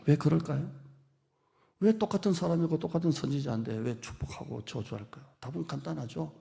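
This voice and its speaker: A man pastor preaching a sermon in a lively, playful way, acting out quoted speech and teasing the congregation. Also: fairly high pitch, a little fast, vocal fry. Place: church sanctuary. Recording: long hall reverb.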